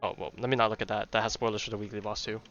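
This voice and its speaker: A man livestreams a video game, chatting casually and thinking aloud in a rambling way, often repeating himself. His voice is on the low side, a bit bright, with a flat, rapid-fire delivery. The dull lo-fi mic picks up video game music behind him.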